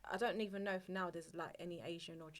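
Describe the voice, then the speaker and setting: A woman's voice: on the low side, steady tone, fast. Woman, Essex-tinged London accent, casual chat, co-host, informal slang, checks that listeners follow. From London, England.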